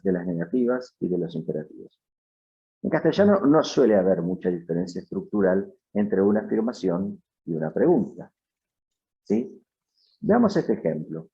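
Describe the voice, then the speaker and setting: A man teaching a lesson in measured, explanatory scripted narration. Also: lowish voice. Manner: measured, explanatory, reads out example sentences. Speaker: English teacher. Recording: dull, lo-fi sound.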